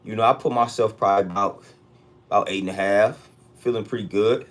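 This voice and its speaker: Male, American, lower-pitched voice. Livestream host chatting casually in street slang, leaning on repeated catchphrases to rally viewers. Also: steady tone, fairly quick. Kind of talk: casual livestream check-in chat.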